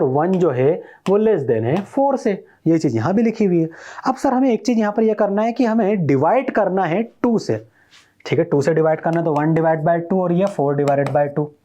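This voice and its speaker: A man's voice: high-pitched, dark tone. A male math teacher giving a recorded online lesson, explaining step by step and quizzing his students as he goes.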